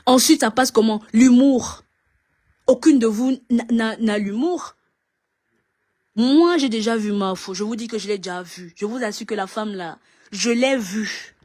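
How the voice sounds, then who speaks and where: A woman's voice: on the high side, a little mellow. A woman ranting in a video, scolding and mocking with lots of repetition. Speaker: online commentator.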